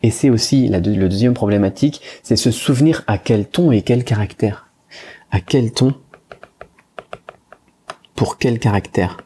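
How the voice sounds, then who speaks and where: A man teaching Chinese tones, talking informally in a casual pitch for his course, repeating himself with many fillers and restarts. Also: unhurried, pauses often, dark tone, slight background noise. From France.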